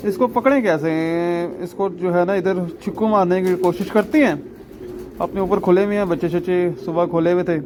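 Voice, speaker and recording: A man, chatting excitably in a casual rooftop vlog about his pigeons, often laughing at himself. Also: sits high, fairly quick, noisy background. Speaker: pigeon keeper vlogger. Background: pigeons cooing.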